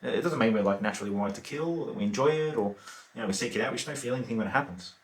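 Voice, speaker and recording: Remorseless lazy Australian killer, played by a male actor; offhand, laconic delivery with fillers; medium pitch; roomy echo. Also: animated, very fast, recorded from a distance, close to an everyday voice. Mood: offhand calm. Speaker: actor performing a monologue. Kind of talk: theatrical monologue.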